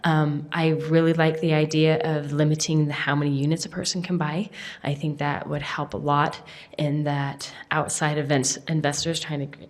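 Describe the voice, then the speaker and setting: A woman's voice: deep voice, level tone, normal speed. A woman with a Utah accent giving public comment at a city council meeting, earnest and a bit rambling. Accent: Utah English.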